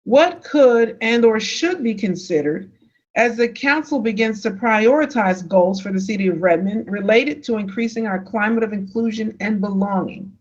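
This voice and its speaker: A woman moderating a public council meeting, calling on speakers and reading questions in a polite, formal way. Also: medium pitch. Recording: dull lo-fi remote audio.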